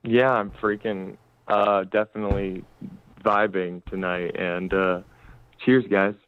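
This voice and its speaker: A man's voice: fairly low pitch, flat delivery, slow pace, clean tone. A male caller talking over the phone in a rambling way, full of fillers. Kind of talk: casual call-in chat. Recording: tinny dry phone line.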